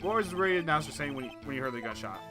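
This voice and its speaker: A man's voice: on the high side, expressive, racing, over loud music, lightly acted. Earnest young defense lawyer, insistent, read by a man. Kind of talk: reading a game's dialogue aloud.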